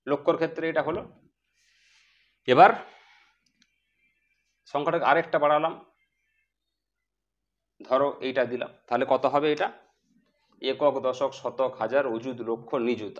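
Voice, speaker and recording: A man's voice: medium pitch, highs cut off. A man teaching basic math who keeps asking the class questions and answering them himself. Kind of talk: explaining math to students.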